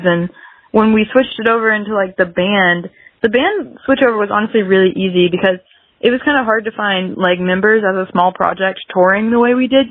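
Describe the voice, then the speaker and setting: A young singer-songwriter with a medium-pitched voice rambles casually as a podcast interview guest, dropping "like" into nearly every sentence. The recording is dry and comes through a dull, lo-fi line that sounds like radio.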